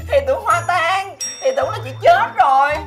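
A naive, emotional younger sister from the countryside. Her voice sits high, and she is whiny and melodramatic. Soft music plays behind her in this sitcom scene. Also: lively intonation, moderate pace. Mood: dramatic. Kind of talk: sitcom acting.

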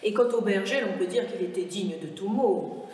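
A woman reading as a sly flattering fox. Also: normal speed, natural voice. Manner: smooth, fawning delivery, dropping lower. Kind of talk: stage reading of a verse fable. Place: large stone chapel, live audience reading. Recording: echoey chapel, voice from far off.

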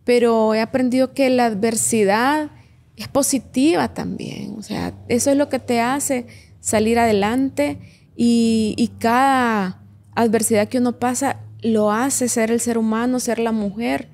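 Podcast guest, a woman, earnest and reflective, gravelly low-toned delivery. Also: steady tone, a little slow, darkish tone. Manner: earnest, reflective, gives advice to listeners. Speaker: podcast guest, businesswoman and mother. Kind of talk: heartfelt personal testimony.

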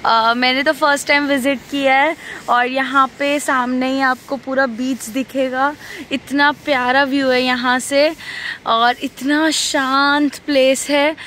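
A woman's voice: high voice, fairly bright tone, a little hiss or hum. A woman in her thirties chatting casually to camera in a travel vlog, recorded outdoors on a phone held at arm's length. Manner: chatty, informal, talks straight to camera. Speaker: travel vlogger. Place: outdoors at night by a roadside stall and at a temple.

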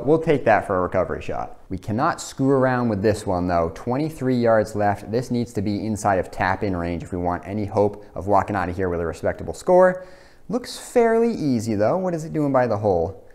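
A young man hosts a casual golf series. He narrates his own play in an informal way, in an average-pitched voice. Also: animated, brisk, a little mellow. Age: young adult. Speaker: host of a simulator golf series.

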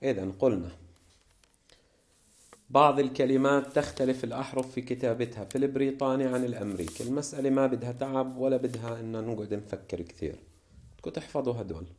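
A man with a Levantine Arabic accent teaches an English vocabulary lesson. He reads each word pair slowly and carefully, as if students are copying along. His voice sits at an everyday middle pitch. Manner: slow, deliberate reading of word lists. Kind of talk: classroom lesson explanation.

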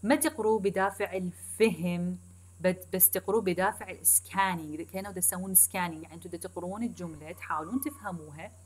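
A woman with an Iraqi Arabic accent giving a recorded English lesson, switching between Arabic and slow, deliberate English and repeating key points to her students. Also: fairly low pitch. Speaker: English teacher. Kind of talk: recorded online lecture.

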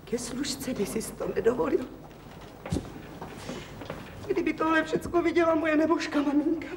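A nagging house-proud wife, shrill and high, old 70s tv film sound, echoey far off with hiss. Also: female voice, creaky. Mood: scolding. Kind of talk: 1970s TV drama acting. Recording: roomy 1970s TV film sound, faint hiss.

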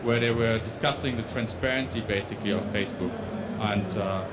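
A young Dutch-accented man with a lowish voice speaks a little fast, his tech conference talk riddled with restarts and fillers. He's on a big stage with a handheld mic, and heavy background noise runs underneath.

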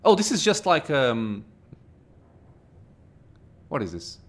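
A man's voice: medium pitch, huge pitch swings, takes it slowly. A man hosting a gaming video, thinking aloud with fillers and muttered asides as he plays. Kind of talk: casual let's-play commentary.

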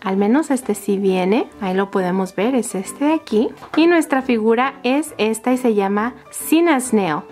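A woman's voice: a little high, darkish tone. A woman presenting a toy unboxing to young viewers, enthusiastic and full of exclamations. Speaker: toy channel host. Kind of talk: toy unboxing narration for children. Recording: music behind the voice. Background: music.

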